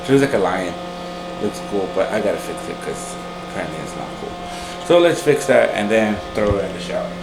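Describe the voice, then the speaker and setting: A man's voice: on the low side, sing-song, fairly quick, gravelly, roomy sound, noisy background. A man chatting casually to viewers in an informal, slangy, rambling vlog style. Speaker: vlogger. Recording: loud background music.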